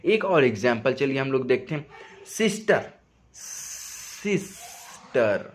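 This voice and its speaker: At home in a residential neighbourhood, a man delivers a spoken English lesson in a sing-song, mid-range voice. He asks questions and answers them himself, explains each step, and slows words down to display their sounds.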